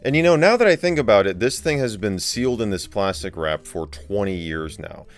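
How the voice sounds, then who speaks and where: A man hosting a tech video, narrating a software demo in a casual, conversational, wryly amused way. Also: on the low side, expressive, a little fast, soft background music. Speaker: host of a tech video channel.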